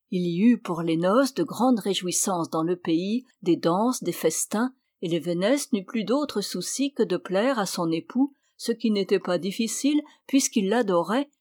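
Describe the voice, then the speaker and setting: A woman's voice: mid-range voice, darkish tone, no room sound. Woman reading a fairy tale, dry sound. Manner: measured, clear storybook narration. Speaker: storyteller.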